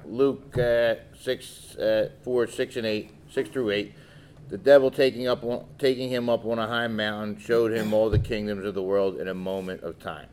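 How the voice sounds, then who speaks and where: A man leading a relaxed church discussion and reading scripture aloud. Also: lowish voice, normal speed, clear, resonant tone.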